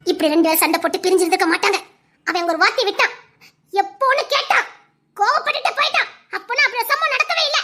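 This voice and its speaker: A woman's voice: very high-pitched, bright, forceful tone, exaggerated voice. A woman with a Tirunelveli Tamil accent playing a scheming, vengeful woman who gloats and repeats her threats. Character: scheming vengeful woman bent on shaming rival.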